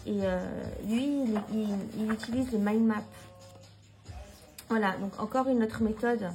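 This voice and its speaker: A woman's voice: a little high, measured pace, warm tone, faint music behind, poor audio. A woman talking casually to her viewers as a tarot reader, hesitant, with many fillers and restarts, frank and informal. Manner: frank and informal, mild swearing. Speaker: tarot reader presenting books. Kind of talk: casual vlog talk.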